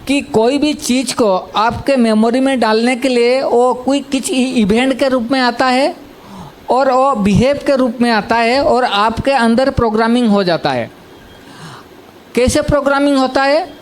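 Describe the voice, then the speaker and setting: A man's voice: very high voice, slight background noise. A man giving a self-help talk, repeating points and often checking that listeners understand. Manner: repetitive, asks "samajh mein aaya?" to check understanding. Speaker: healing teacher.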